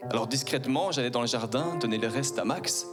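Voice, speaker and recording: A man's voice: medium pitch, a little fast, over loud music. A man in his forties with a Belgian French accent, performing a stand-up comedy set on stage, ironic and mock-posh. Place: theater stage before a live audience.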